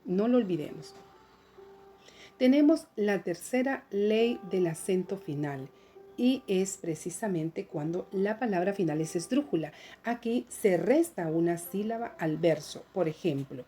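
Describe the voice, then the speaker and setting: A woman teacher talks through a recorded lesson, slow and patient as she explains each step to students at home. Her voice is dark and mellow, sitting at a middle pitch for a woman. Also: lively intonation.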